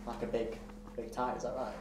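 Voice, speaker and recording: A man's voice: medium pitch, completely flat delivery, brisk, reverberant, distant mic, background noise. A man talking as an interviewer, casual and easygoing.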